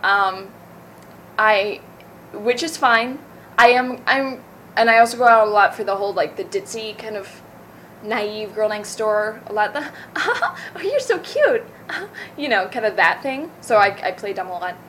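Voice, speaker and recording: A woman's voice: mid-range voice, normal speed, fairly bright tone, slight background noise, poor audio. A young woman from the American South, an actor chatting in an interview, talking loosely, correcting herself and laughing easily. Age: young adult. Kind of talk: casual interview.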